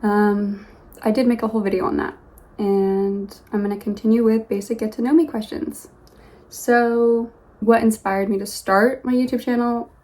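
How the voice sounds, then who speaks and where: A young adult vlogger from Los Angeles sits on a yoga mat in her bedroom, chatting to her phone camera for a casual get-to-know-me video. Her voice is a little high and steady in tone, soft and rambling, with many pauses and restarts, and the audio quality is poor.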